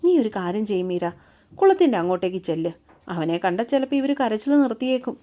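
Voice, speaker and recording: A woman's voice: medium pitch, sing-song, quick pace, warm tone, close to an everyday voice. A woman voicing an anxious older servant woman in a storybook reading, muttering and fussing. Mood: worried. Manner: worried muttering.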